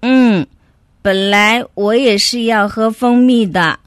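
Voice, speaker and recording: A woman voicing a big, kindly male bear in a children's story, speaking deep and earnestly. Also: slow, no room sound, studio quality. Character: big kindly bear brother, easily upset.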